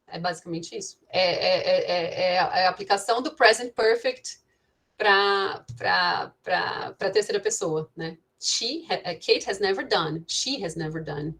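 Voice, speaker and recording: Woman, teacher explaining grammar, average pitch, many restarts. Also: fairly bright tone. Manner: thinks aloud with many restarts and "né". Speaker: English teacher. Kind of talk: online class explanation.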